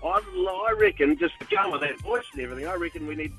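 A man's voice: high-pitched, huge pitch swings, fast, vocal fry, fairly bright tone, soft background music. A man chatting casually as a caller on a radio show. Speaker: radio call-in contestant. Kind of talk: casual chat.

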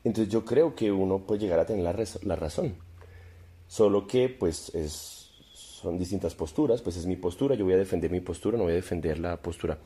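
A man's voice: low voice, normal speed, warm tone, slightly rough. A man, a podcast guest chatting casually in a joking, rambling, provocative way. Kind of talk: casual chat.

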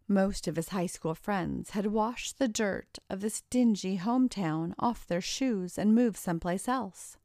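Woman storyteller reading steadily, mid pitch, dry close sound. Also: darkish tone, no echo. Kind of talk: scripted story narration.

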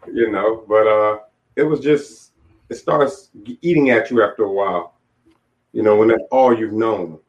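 A man in his late forties, an author, speaks as an interview guest, telling his life story candidly, reflectively and plainly. His voice sits on the low side and moves a little slowly, with long pauses. The audio is dull and lo-fi.

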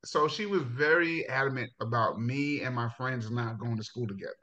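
This dull, lo-fi clip features a middle-aged man from Jamaica, a high school football coach, speaking at a moderate pace. He is telling his life story in a casual interview, relaxed and prone to laughing and restarting.

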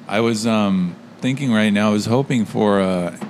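Man, lowish voice, dry playful teasing, podcast co-host, faint background noise. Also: moderate pace, a little mellow. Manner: dry, feigning ignorance, playful. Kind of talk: casual chat. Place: recording studio.

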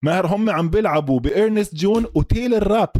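A man with a Levantine Arabic accent talks football as a podcast co-host. His voice sits a little high and races along in a dry, close sound. He is emphatic, sprinkles English sports terms through his analysis and keeps checking that his partner follows. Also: animated, fast talker, a little mellow, no echo. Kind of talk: casual American football analysis chat.

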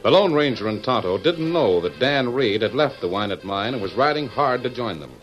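A man's voice: medium pitch, lively intonation, fairly quick, dull audio. A man narrating an old-time radio drama in a formal, dramatic announcer style. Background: music.

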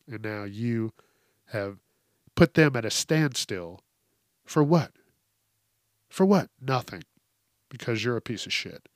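A man with a fairly low-pitched voice rants alone on his podcast, casual, blunt, forceful and profane. Allergies have left him congested, and the close hypercardioid podcast mic yields a recording without echo.

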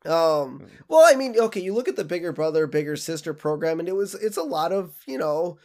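A man's voice: a little high, expressive, fairly quick, darkish tone. A man co-hosting a podcast, recapping an episode in casual chat, acting out quoted lines and laughing often. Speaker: podcast co-host.

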